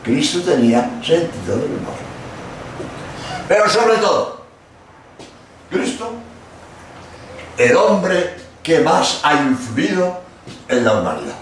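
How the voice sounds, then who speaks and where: Lively Spanish man preaching in an echoey hall. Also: a little high, distant mic, slight background noise. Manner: emphatic, with dramatic pauses and acted-out quotes. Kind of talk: sermon-style lecture.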